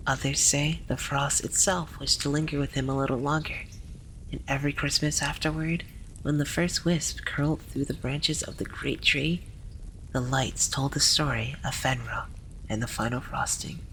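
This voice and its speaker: A storyteller narrating a scripted tale in a gentle, hushed ASMR library whisper, often slipping into breathy whispering. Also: medium pitch, fairly even intonation, moderate pace, slight background noise, rough recording.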